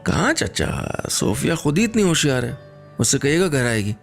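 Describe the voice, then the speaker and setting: A man voicing a quiet, reserved young woman. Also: mid-range voice, sing-song, vocal fry, soft background music, voice pushed up. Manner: slow, soft, polite.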